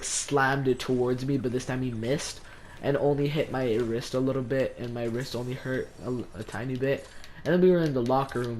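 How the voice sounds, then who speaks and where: Teen guy vlogger, rambling storytime, mid-pitched voice. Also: a little hiss or hum. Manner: rambling, heavy use of "like". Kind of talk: casual storytime.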